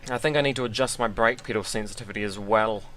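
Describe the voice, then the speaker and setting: A man's voice: fairly low pitch, quick pace, a bit bright, slight background noise. A man giving casual, rambling and self-deprecating commentary while sim racing.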